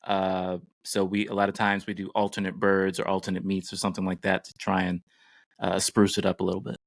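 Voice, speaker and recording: A middle-aged American man hosts a podcast, talking casually and informally in a conversational way. His fairly low, creaky voice is brisk and completely flat in delivery, and the recording is dry with no room echo.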